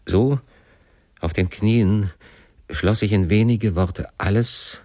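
A man with a very low, deep voice narrates a classic novel. His reading is passionate and theatrical, and he leans into the drama of each line. The sound is close and dry, with no room echo. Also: slow pace, darkish tone. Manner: impassioned, theatrical first-person delivery. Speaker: audiobook narrator.

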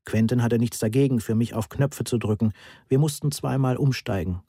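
A man reading a first-person story aloud in an even, matter-of-fact way. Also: medium pitch, fairly quick, husky, dry recording, studio quality. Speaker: audiobook narrator. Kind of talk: scripted first-person narration.

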